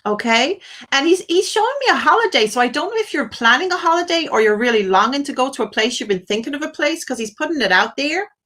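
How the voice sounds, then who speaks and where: Animated and fast, this psychic medium hosts a live phone-in in a high voice that sounds pushed and bright. She relays messages to a caller through quoted asides, gushing with endearments and blessings.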